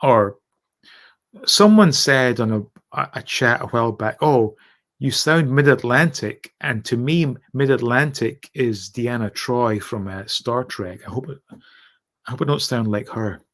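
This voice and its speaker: A Scottish man in middle age with a medium-pitched voice hosts a relaxed livestream. He talks candidly and informally, putting himself down and swearing freely as he chats with viewers. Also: a little slow. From Scotland. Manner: candid, self-deprecating, sweary. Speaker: livestream host. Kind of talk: casual livestream chat, reading out and answering comments.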